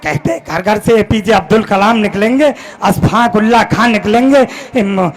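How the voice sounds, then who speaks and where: A man declaims his verse with fierce passion, his voice pitched very high. He hammers home key lines by repeating and shouting them, like a poet on a village stage. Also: moderate pace, rough recording. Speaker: poet reciting at a poetry gathering. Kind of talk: impassioned poetry recitation.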